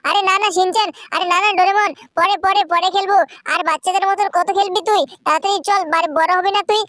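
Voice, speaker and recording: A man's voice: fairly even intonation, bright, forceful tone, no echo. A man voicing a cheeky, bossy cartoon boy in a game video. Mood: hurried. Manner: fast, high, hurried.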